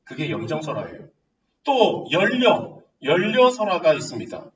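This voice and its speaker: A man teaching literature in a lively lecture, firing rhetorical questions and teasing his students. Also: fairly high pitch, normal speed, echoey room, far from the mic, highs cut off. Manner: asks rhetorical questions and answers himself, teasing. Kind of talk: animated classroom lecture.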